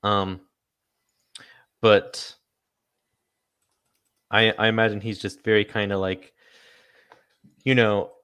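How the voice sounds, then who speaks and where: Low-voiced man, hesitant player. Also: level tone, slow, pauses often, a bit bright, clear, resonant tone. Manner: hesitant, filler-heavy. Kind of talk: casual tabletop play.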